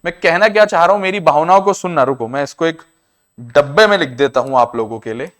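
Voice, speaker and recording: A man with an Indian accent teaching a maths class, explaining each step slowly and repeating himself. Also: fairly high pitch, a bit bright. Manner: repetitive, explains step by step, often says "I said". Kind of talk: classroom lecture to students.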